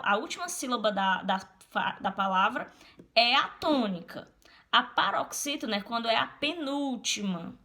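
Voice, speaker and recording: A woman teacher with a bright, high-leaning voice explains a lesson to one child. She talks slowly and tenderly, calls him by name and spells words out letter by letter. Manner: affectionate, calls the pupil by name and uses diminutives.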